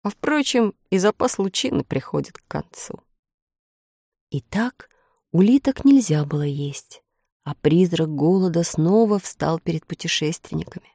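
A woman reading a children's story aloud, expressive and rising with excitement. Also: on the low side, measured pace, no room sound, clean studio sound. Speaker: narrator.

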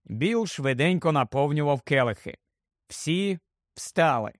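A man reading an audiobook aloud in an expressive, steady storytelling manner. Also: on the high side, unhurried, dry recording, studio quality. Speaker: audiobook narrator.

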